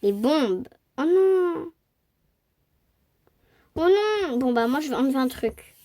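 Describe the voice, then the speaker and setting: Bubbly high-voiced French woman gaming. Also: moderate pace, dry recording, clean studio sound. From France. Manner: chatty, excitable, squeals over cute things. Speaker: gaming YouTuber. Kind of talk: casual gameplay commentary.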